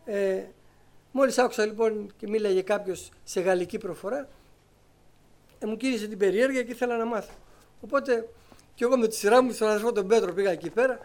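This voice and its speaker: A middle-aged man giving a personal testimony to his congregation as a lively storyteller who acts out the conversations he recounts. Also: high-pitched, pauses often. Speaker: church member giving testimony.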